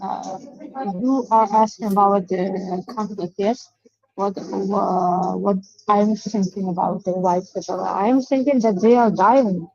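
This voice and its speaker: Woman caller, slow and hesitant, cup-muffled sound, dry and close. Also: medium pitch, steady tone, gravelly, darkish tone, breathy edge, no room sound. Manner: halting and hesitant, with many fillers. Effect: muffled, as if talking into a cup. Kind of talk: live online call-in debate. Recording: muffled lo-fi live-stream mic.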